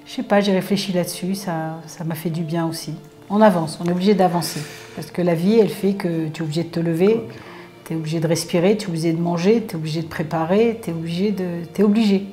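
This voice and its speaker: A woman's voice: fairly low pitch, fast, warm tone, soft background music. A middle-aged woman, mother of a fallen soldier, tells personal memories and dreams with feeling, acting out the dialogue she quotes. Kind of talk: emotional personal recollection.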